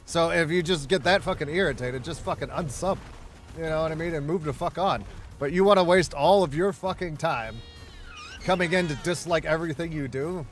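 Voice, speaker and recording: A man's voice: a little high, fairly quick, soft background music. A man chatting casually with a friend while gaming, rambling and swearing heavily, with many restarts.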